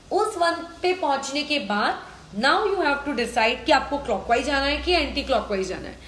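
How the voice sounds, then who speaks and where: An Indian woman teaching chemistry, mixing Hindi and English, spelling out names letter by letter and answering her own questions. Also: sits high. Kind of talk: online lesson, working problems aloud.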